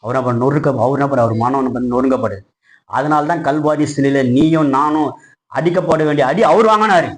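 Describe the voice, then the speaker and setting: A man preaching a passionate sermon, putting questions to his congregation and building to loud, high-pitched peaks. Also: a little fast, poor audio. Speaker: pastor.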